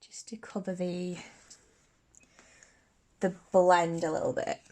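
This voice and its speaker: A young beauty YouTuber with a slight sniffly cold chats through a nail tutorial from her indoor bedroom filming set, bubbly and restarting sentences midway. Her voice is on the low side, warm and level, and slow.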